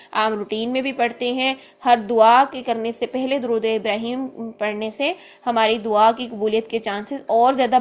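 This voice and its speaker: A woman teaching Quran reading, explaining patiently and slowing down to show each sound. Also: a little high. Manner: patient, repeats points, slows to demonstrate sounds. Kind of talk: explanatory lesson with recited examples.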